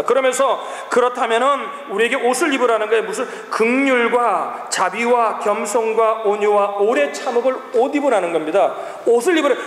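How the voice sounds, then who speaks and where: A man in his forties preaching a sermon to a congregation, emphatic, addressing them often and swinging from loud exclamations to low asides. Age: 40s. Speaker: pastor. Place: large church hall. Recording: echoey hall, long reverb.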